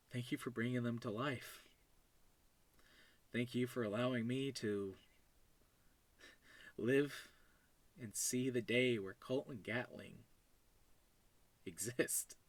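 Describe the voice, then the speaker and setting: A medium-pitched man, host and creator of an animated web series, gives a loose, unscripted monologue of thanks with no echo. He talks casually and effusively, overcome with joy and emotion, stammering and trailing off as he goes.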